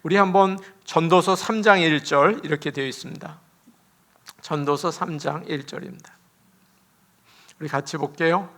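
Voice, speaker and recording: A man, a pastor, preaching an animated sermon in a church, laughing as he talks and acting out quotes. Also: on the high side, moderate pace, pauses often.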